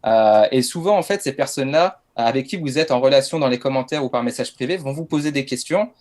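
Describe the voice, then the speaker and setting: Speaking briskly in a medium-pitched, slightly mellow voice, this Frenchman leads a masterclass on crafting social media posts as a LinkedIn content coach. He sounds relaxed but unsure, leaning on frequent fillers.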